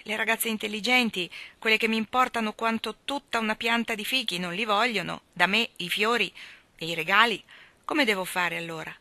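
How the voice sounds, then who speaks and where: A woman's voice: mid-range voice, fairly even intonation, brisk, sharp tone, no room sound, voice pushed up. A woman reading the lines of a playful, gallant young man in a storybook audiobook, bantering lightly. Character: young male gentleman, teasing, gallant.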